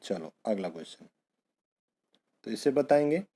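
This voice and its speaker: A man's voice: fairly low pitch, expressive, unhurried, mellow. A man teaching an exam-prep grammar lesson, who asks a question and then answers it himself, calling his students bhaiya and beta.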